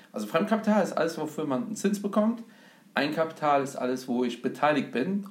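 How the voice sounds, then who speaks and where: A German man hosting a casual talk about investing, who explains step by step with many fillers. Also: on the high side. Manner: thoughtful, frequent fillers, lecturing tone. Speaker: host. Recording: echoey room.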